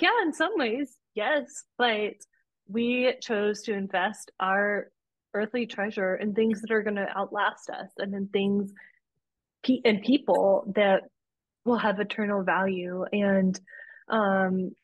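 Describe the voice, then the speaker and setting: A young adult woman speaks as a podcast guest, earnest and open as she tells her story, often restarting a phrase mid-thought. Her voice sits at a middle pitch. The recording is dry and close, with no room sound. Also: a little slow, no echo, dull audio. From Romania. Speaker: podcast guest, policy advocate. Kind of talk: conversational interview.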